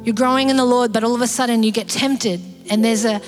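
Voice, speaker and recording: Animated woman preaching a sermon. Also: on the high side, quick pace, over music. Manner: animated, acts out quoted voices. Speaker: pastor.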